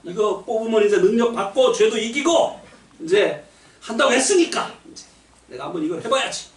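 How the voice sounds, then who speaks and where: A man giving a lively testimony at a gospel meeting, telling stories with shouted punchlines and laughter. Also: high voice, moderate pace. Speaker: lay preacher giving a testimony. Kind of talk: sermon testimony. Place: church meeting hall. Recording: echoey hall, mic from a distance.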